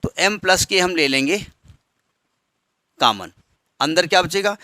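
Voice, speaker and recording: Bright-voiced maths teacher, patient. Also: male voice, sits high, expressive, unhurried, no echo. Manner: patient, step-by-step, quizzing students with questions. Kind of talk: blackboard maths lecture.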